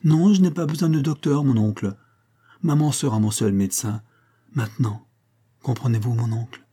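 A man reading an audiobook, voicing a young sick woman with a gentle, eager, pleading manner. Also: normal speed, husky, natural voice. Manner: pleading, raised pitch.

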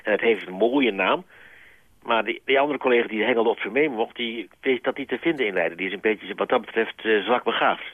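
A man's voice: fairly low pitch, a little fast, dry recording. Man calling in over a tinny phone. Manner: dry, boastful, rambling. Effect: heard over a phone line. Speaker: radio show caller. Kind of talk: casual chat. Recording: tinny dry phone line.

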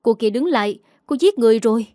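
Audiobook: woman reading an urgent, loyal young woman, raised and pleading, mellow voice. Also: fairly high pitch, brisk, no room sound, studio quality, lightly acted. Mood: frantic. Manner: shouting, urgent.

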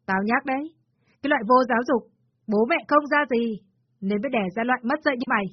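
A woman's voice: quick pace, dry recording, lightly acted. A woman voicing a spiteful older mother-in-law who scolds and hurls abuse, on a dull, dry recording. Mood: scornful scolding. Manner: shrill, scornful, shouting abuse.

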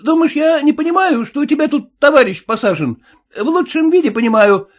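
A man voicing a suspicious, boastful peasant cab driver with a shrill, folksy way of talking. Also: animated, a little fast. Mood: wary, relieved.

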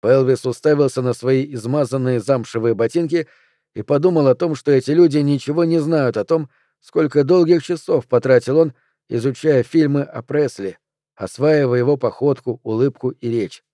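Dark-voiced male narrator, dry. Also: medium pitch, dry recording. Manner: even, measured reading. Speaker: audiobook narrator. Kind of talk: scripted narration.

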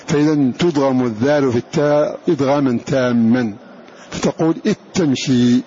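A man's voice: on the high side, warm tone. Man teaching recitation rules, lo-fi. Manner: repeats each example phrase slowly, drawing out sounds. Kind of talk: slow didactic lesson with recited examples. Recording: dull lo-fi lecture recording with faint hiss.

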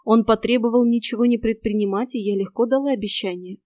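A woman narrating a first-person fantasy audiobook in a steady, expressive reading. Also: a little high, fast talker, no room sound.

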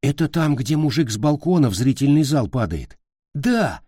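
A man voicing a group of squabbling Soviet schoolboys at a summer camp, with shrill, excited boyish voices. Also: normal speed, breathy edge, no room sound, clean studio sound.

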